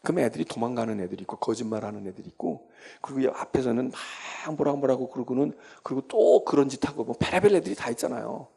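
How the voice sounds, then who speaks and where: Animated gravelly-voiced man preaching. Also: medium pitch, fast, hardly any pauses. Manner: lively, acts out prayers and children's pleas. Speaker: pastor. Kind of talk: Bible lecture sermon.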